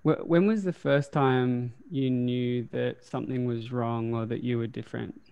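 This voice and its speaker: A man's voice: mid-range voice, steady tone, normal speed, gravelly, warm tone, clean tone, muffled recording. A man hosting a conversational interview, asking reflective, probing questions. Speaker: interviewer, podcast host.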